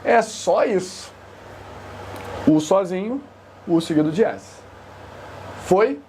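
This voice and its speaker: A male Portuguese teacher leading an exam-prep grammar lesson, repeating key terms for emphasis and slowing down to stress rules. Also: high voice, animated, a little mellow, a little hiss or hum.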